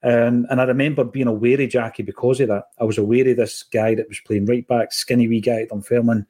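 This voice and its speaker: A man's voice: mid-range voice, fast. A man with a Scottish accent, co-hosting a podcast and telling football stories in casual chat. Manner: storytelling, animated when quoting others. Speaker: podcast co-host.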